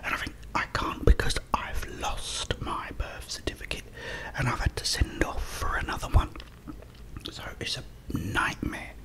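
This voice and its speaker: Close to the mic at a table in a dim room, a middle-aged British ASMR creator whispers a rambling, chatty story while eating. He speaks at normal speed, and the recording quality is low.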